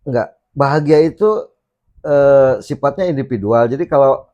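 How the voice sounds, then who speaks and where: A man talking on a casual podcast, explaining his views slowly and thoughtfully with pauses and fillers. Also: mid-range voice, a little mellow, highs cut off. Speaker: podcast guest speaker, [name]. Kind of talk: casual reflective podcast talk.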